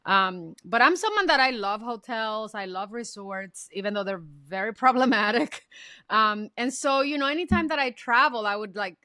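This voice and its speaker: Bright-voiced earnest woman author. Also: a little high, animated, normal speed, dry recording, clean studio sound. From Dominican Republic. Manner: earnest, reflective, building to passionate points. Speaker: author guest. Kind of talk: podcast interview.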